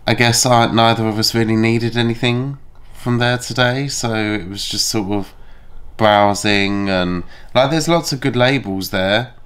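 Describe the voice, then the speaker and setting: Slow, smooth-voiced man. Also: medium pitch, fairly bright tone. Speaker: vlogger's travel companion. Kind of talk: casual chat.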